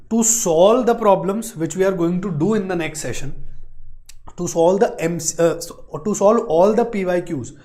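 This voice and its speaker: A woman's voice: mid-range voice, a little mellow. A woman with an Indian accent teaching maths in a live online lesson, explaining step by step, repeating phrases and adding short check-in questions.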